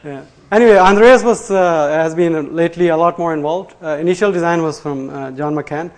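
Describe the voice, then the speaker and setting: A man with a fairly high voice gives a live technical talk in front of a room. His delivery is loose and conversational, full of fillers and restarts, and he chuckles at his own slips. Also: fairly quick. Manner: loose and chatty, many fillers and restarts, laughs at himself. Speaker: conference presenter. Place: lecture room before an audience.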